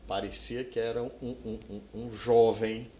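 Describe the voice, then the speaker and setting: A man's voice: medium pitch, flat delivery, measured pace, warm tone. A middle-aged man hosts a TV chat show, musing and theatrical in casual talk. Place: TV studio. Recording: roomy studio with faint noise.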